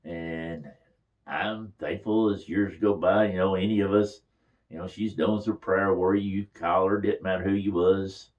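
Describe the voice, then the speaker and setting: A man's voice: deep voice, steady tone, unhurried, darkish tone, dull audio. An older man, reminiscing in a folksy, chuckling storytelling manner. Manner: folksy, chuckles through his stories. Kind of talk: casual reminiscing.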